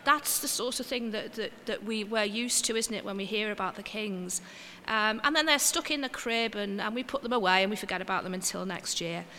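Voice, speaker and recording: A woman giving an informal sermon in a church, chatty and homely, with gentle self-mocking asides. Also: mid-range voice, brisk, hardly any pauses, in a large hall, a little hiss or hum. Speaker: preacher.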